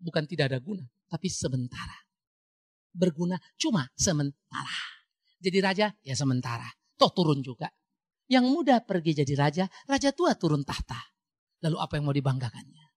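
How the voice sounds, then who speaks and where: A male pastor preaches with animated emphasis. His voice sits a touch high and swings widely, leaping up to stress a point. The sound is dry, with little room echo. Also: a little fast, slightly rough. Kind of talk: sermon.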